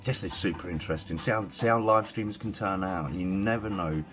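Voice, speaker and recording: Brief: British man, live-stream host, chatty and excitable, casual swearing, faint music behind. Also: low voice, a little fast.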